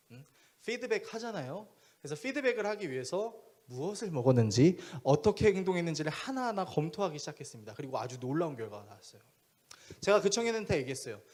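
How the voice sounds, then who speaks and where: A male pastor preaching a sermon in an animated storytelling manner. His pitch sits a little high and moves a great deal as he acts out scenes.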